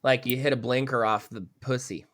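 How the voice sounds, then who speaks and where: Bright-voiced joking male podcast co-host. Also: medium pitch, fairly even intonation, brisk. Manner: goofy, rambling, jokey. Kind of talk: crude casual chat.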